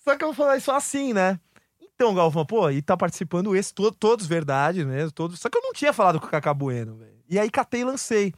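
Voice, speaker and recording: A man with a Brazilian Portuguese accent, a podcast guest telling a long anecdote in casual slang with quick asides. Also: sits high, no echo, studio quality. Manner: lively storyteller, heavy slang, quick asides.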